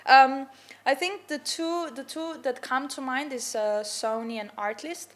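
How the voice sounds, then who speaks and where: A woman's voice: sits high, a little slow, a bit bright. A young woman from Slovenia, a filmmaker, chatting casually and upbeat with lots of fillers. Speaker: filmmaker and content creator. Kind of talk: casual conversation.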